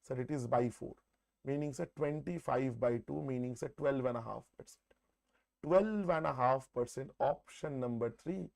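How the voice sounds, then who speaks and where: A man's voice: medium pitch, moderate pace, gravelly, a little mellow. A man with an Indian accent and a troubled throat, teaching a live maths class online, repeating phrases and often saying "sir". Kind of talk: live exam-solution lesson, addressing students.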